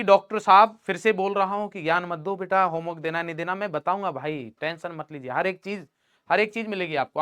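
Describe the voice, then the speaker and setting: Young man, chemistry teacher, playful teasing, online lecture, bright tone. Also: high voice, clear, resonant tone, no room sound, studio quality. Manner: playful teasing, talks to students as "beta".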